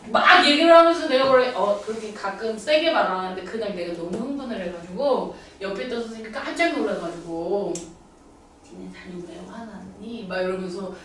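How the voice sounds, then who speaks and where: A woman lecturing as a cram-school language tutor, telling blunt, animated stories and sometimes acting out loud scolding. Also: mid-range voice, brisk, few pauses, slight background noise. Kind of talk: classroom lecture with anecdotes. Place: classroom. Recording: echoey classroom picked up from a distance.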